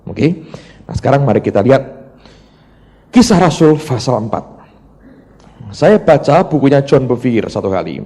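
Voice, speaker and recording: A man with a Javanese accent preaching a sermon as pastor, swinging from loud bursts to hushed asides. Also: medium pitch, very animated, moderate pace, long pauses. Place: church hall. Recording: reverberant church hall.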